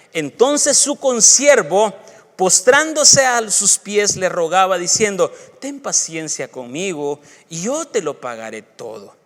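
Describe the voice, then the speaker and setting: A man preaching as pastor, reading scripture aloud and breaking into emphatic, rising bursts between quieter asides. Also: high voice. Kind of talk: sermon. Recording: long church reverb.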